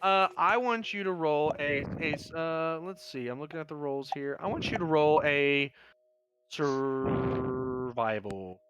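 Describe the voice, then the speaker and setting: A man's voice: fairly high pitch, moderate pace, hardly any pauses, fairly bright tone. A man running a tabletop game as game master, narrating in a casual, rambling way.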